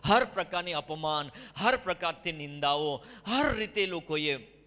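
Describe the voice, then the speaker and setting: A man's voice: a little high, expressive, unhurried, bright, forceful tone. A middle-aged male pastor preaching an impassioned sermon and calling on the congregation to answer him. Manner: impassioned preaching with call-and-response. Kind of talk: fiery sermon. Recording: echoey hall reverb.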